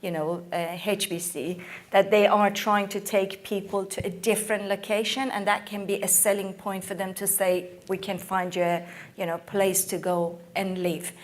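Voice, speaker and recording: A woman's voice: medium pitch, level tone, moderate pace. Emphatic woman panelist, losing her voice. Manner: emphatic, many fillers and restarts. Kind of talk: conference panel discussion.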